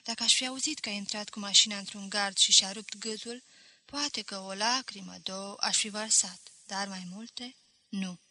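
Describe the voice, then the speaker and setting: A woman narrating a novel for an audiobook, measured and expressive. Her voice is very bright and clear-edged, recorded close and dry with no room sound. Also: medium pitch, no echo. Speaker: audiobook reader.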